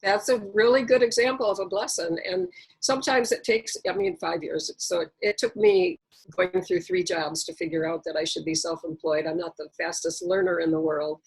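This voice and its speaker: A woman's voice: on the low side, animated, moderate pace, vocal fry, husky, rough recording. A middle-aged woman giving a reflective motivational talk on a video call, with wordplay and humor. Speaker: speaker.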